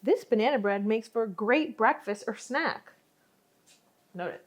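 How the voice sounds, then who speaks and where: A woman's voice: on the high side, unhurried. Young woman vlogging while baking at home, chatty, jokes about herself, laughs a lot. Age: young adult. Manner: chatty, self-mocking, frequent laughs. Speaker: lifestyle vlogger. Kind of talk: casual chat while baking. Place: home kitchen.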